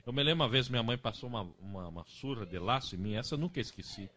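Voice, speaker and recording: Animated bright-voiced male preacher. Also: medium pitch, rapid-fire. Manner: folksy storytelling with acted quotes; frequent "né?" tag questions. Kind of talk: sermon.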